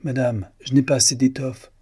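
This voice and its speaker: A man voicing a proud, touchy young seamstress who answers sharply, his husky voice raised a little. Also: medium pitch, fairly even intonation, moderate pace, voice pushed up. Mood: irritable. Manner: sharp, irritable.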